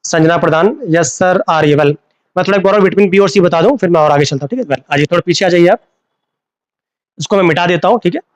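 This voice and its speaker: A man's voice: sits high, fast, no echo. A man teaching a live online class, repeating key terms as questions to his students and mixing in English. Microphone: phone.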